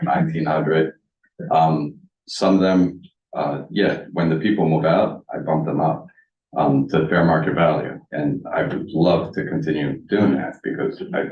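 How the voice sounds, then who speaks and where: A very low-pitched man speaks bluntly at a village board public comment, rambling and restarting his sentences. He is heard from a distance in a large, echoey meeting room. The pickup sounds dull and muffled. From United States. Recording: roomy meeting hall, distant dull mic.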